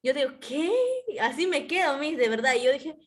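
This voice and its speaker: A young woman, a student telling the class about a personal experience in an animated way. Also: high-pitched, quick pace. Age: young adult. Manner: animated storytelling, addresses teacher as "Miss" often. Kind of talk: personal account in class discussion.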